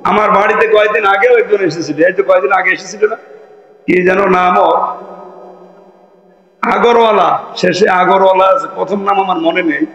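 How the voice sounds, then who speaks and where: A man from Bangladesh preaching an outdoor Islamic sermon, shouting as he explains Quranic verses over a loudspeaker microphone. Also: high-pitched, highs cut off. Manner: fiery, shouting Quranic exposition. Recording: echoey, reverberant PA sound.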